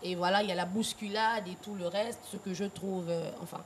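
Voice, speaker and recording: A woman from Cameroon and Gabon talks openly in a TV studio interview, her voice sitting at an ordinary pitch. She speaks frankly and laughs easily. A faint hum of noise sits under her voice. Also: steady tone, fairly quick. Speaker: guest singer.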